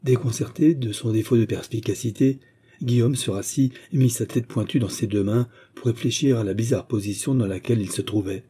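Deep dark-voiced male narrator. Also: husky. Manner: measured literary reading. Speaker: audiobook narrator. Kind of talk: scripted narration.

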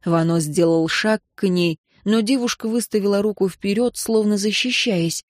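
A woman narrating a fantasy audiobook in a steady, even storytelling manner. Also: medium pitch, normal speed, dry recording, studio quality. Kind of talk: scripted narration.

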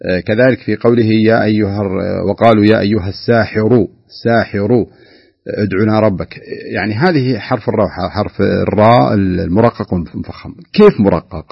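A man's voice: fairly low pitch, fairly quick, vocal fry, slightly rough, dry recording. A man teaching Quran recitation on a radio program, patiently demonstrating sounds with frequent hesitations, on a dull lo-fi recording. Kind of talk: explaining recitation rules on radio.

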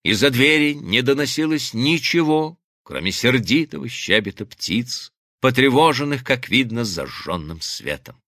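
A man's voice: mid-range voice, expressive, a little slow, pushed and bright, no echo. A man narrating a novel as a scripted audiobook, reading expressively and dramatically into a studio mic.

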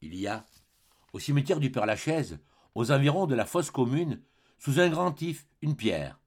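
Husky, expressive male audiobook narrator. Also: mid-range voice, moderate pace. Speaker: audiobook reader. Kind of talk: scripted narration of a classic novel.

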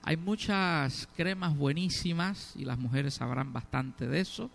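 A middle-aged male preacher with a fairly high, gravelly voice. He preaches slowly and deliberately, putting questions to the congregation and hitting key words hard. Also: slight background noise. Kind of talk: sermon.

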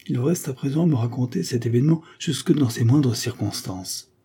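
A man's voice: medium pitch, animated, a little fast, dark tone, slightly rough, voice pushed up. A man reading a coaxing young lawyer. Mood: thoughtful. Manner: coaxing, questioning. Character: young male lawyer, probing, patient, gently persuasive.

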